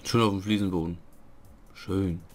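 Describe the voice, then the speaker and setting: A man's voice: sits low, fairly even intonation, moderate pace, faint music behind. A man doing casual commentary as he plays a video game. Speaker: let's player.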